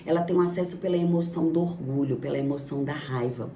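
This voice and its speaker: A woman coaches her listeners in a self-help talk, hammering points home with lists and rhetorical questions. Her voice sits low and mellow. She is recorded a little away from the mic in a roomy, echoing space with faint ambience behind. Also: fast talker, far from the mic, a little hiss or hum. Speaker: motivational coach.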